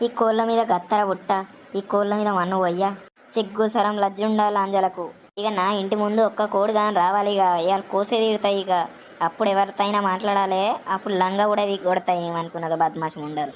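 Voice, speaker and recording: A woman with a Telangana Telugu accent playing a quarrelsome village woman who curses loudly at stray hens. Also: medium pitch, fairly even intonation, fast talker, a little hiss or hum, lightly acted. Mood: ranting. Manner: loud cursing rant.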